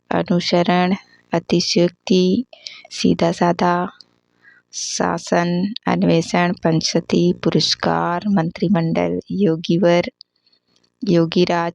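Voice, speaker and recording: A woman's voice: fairly low pitch, vocal fry, darkish tone, dry recording. A woman teaching an exam-prep spelling lesson, reading out word lists and correcting common misspellings. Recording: dull lo-fi sound.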